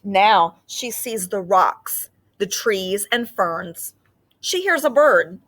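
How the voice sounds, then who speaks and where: A woman teacher explaining reading ideas to children in a gentle, patient way with frequent fillers, then reading a picture book aloud expressively. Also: medium pitch, lively intonation, slow pace.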